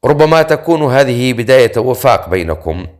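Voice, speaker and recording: A man's voice: medium pitch, very animated, a little fast, lightly acted. Man reading a sarcastic young adventurer. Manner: mocking, teasing.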